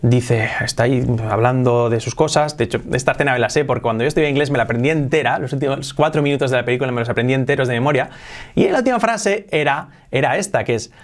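A young man with a Spanish accent from Spain, teaching an English lesson in Spanish. He speaks with energy and repeats English phrases slowly, then quickly. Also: mid-range voice. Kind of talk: bilingual video lesson.

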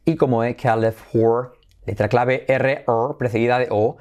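A man's voice: medium pitch, fairly even intonation, moderate pace, darkish tone. A man with a Spain Spanish accent, teaching English pronunciation in an upbeat online lesson. He repeats words for drilling and drops in English phrases.

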